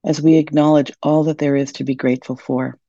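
Guiding a meditation at a brisk pace, a woman speaks in a soft, gentle, soothing way with a low, mellow, slightly creaky voice and little pitch movement. The audio is close and dry with no echo, but rather dull and lo-fi.

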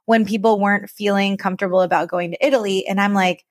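Woman, podcast co-host, casual chat, rambling and animated, medium pitch, dry recording. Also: fast, dry recording. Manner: chatty, rambling, animated explaining. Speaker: podcast co-host, travel advisor.

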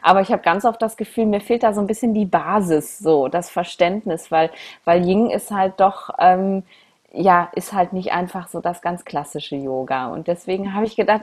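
Enthusiastic woman podcast host chatting. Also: medium pitch. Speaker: podcast host, yoga teacher. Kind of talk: casual interview chat.

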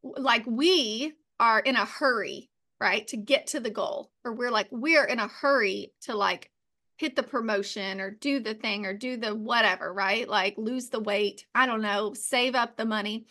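A woman co-hosting a faith-based business podcast, talking in a chatty, animated way, full of "like" and "right.". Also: on the high side, measured pace. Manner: animated, acts out playful quotes. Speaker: podcast co-host.

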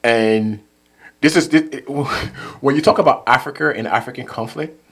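A man's voice: medium pitch, moderate pace, gravelly, a bit bright. A middle-aged man from Liberia with a Liberian accent, speaking as a therapist guest in a casual conversation, often repeating words as he searches for phrasing.

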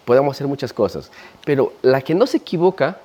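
This ayahuasca practitioner, speaking with a Peruvian Spanish accent, is an animated storyteller in a casual interview who acts out the voices of those he mentions. His mid-range voice moves a little fast and has a breathy edge.

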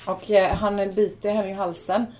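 A woman's voice: mid-range voice, flat delivery, a little mellow. Easygoing woman podcaster, faint room hum. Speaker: podcast co-host. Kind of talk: casual podcast chat.

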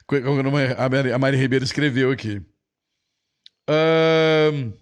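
A middle-aged Brazilian man, an English teacher, chats casually while answering viewers' comments, his Brazilian Portuguese accent clear in a mid-range voice with fairly even intonation. He's talkative, often restarting sentences and tossing in quick asides.

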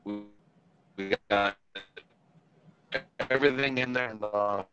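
A man explaining software settings on a web call, his audio choppy and cutting out. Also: fairly low pitch, steady tone, takes it slowly, smooth, muffled recording, soft background music. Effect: choppy, glitchy audio cutting out. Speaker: product specialist. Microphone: online call microphone.

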